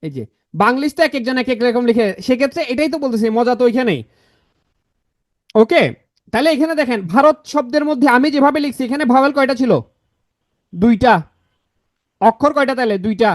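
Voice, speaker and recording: Brief: young male grammar tutor, very high voice, dry close sound, drills exam answers by repetition. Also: fairly quick, pauses often, dry recording. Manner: repetitive, drills key answers, asks the class questions. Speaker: grammar teacher. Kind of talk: online exam-prep lecture.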